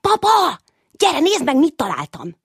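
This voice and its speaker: A woman's voice: low-pitched, big pitch swings, breathy edge, no room sound, studio quality, pitched above the performer's own voice, exaggerated voice. A woman voicing a small, chubby, curious boy mouse who keeps asking questions and whines. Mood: excited. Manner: whiny, endlessly questioning.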